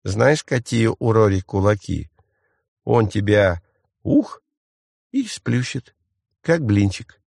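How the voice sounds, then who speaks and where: A man's voice: lowish voice, lively intonation, slow pace, creaky, a little mellow, no echo, clean studio sound, heavily acted. A man reading an audiobook voices a small, stubborn little girl who bosses and scolds. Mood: bossy. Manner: bossy, scolding, matter-of-fact.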